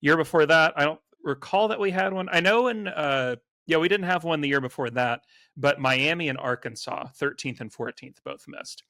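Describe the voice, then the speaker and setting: Bright-voiced male sports podcast co-host. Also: fairly high pitch, no room sound, studio quality. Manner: animated, quick stats-driven talk with fillers. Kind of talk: casual sports podcast chat.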